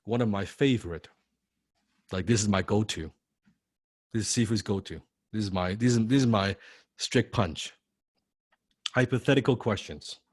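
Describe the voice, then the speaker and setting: A man teaching a sales training class, lively and full of rhetorical questions, acting out what prospects say. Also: lowish voice, moderate pace, pauses often, slightly rough, no room sound, studio quality. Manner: animated, acts out prospect replies, rhetorical questions. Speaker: sales coach.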